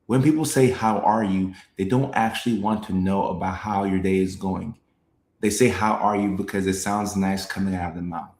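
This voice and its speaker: A Norwegian-raised man hosts a show, explaining things in casual talk and reading chat comments in a low voice at normal speed, in an echoey room. He is animated, acts out quoted voices, repeats phrases and checks in with listeners by asking "right?"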